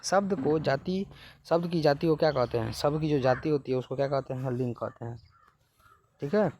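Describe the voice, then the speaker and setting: A man's voice: fairly high pitch, a little fast, a little mellow, a little hiss or hum. A man teaching a lesson, working through exam questions one at a time and repeating each answer to the students.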